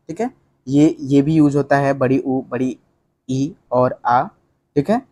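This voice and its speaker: A man's voice: medium pitch, darkish tone. A young man teaching an exam-prep lesson, working through quiz questions in a chatty way, often saying "ठीक है" and mixing in English words. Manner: conversational, fills with "ठीक है", quizzes students rhetorically, mixes in English.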